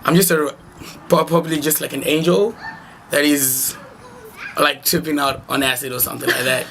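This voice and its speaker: A man's voice: on the high side, fairly even intonation, normal speed, vocal fry. A young man from Zimbabwe, a local hip-hop artist, talking casually and rambling in a radio interview. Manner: laid-back, rambling, heavy with "like" and slang. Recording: faint background noise.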